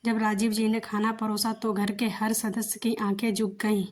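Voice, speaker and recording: A woman narrating a scripted family story in an even, steady reading voice. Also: mid-range voice, moderate pace.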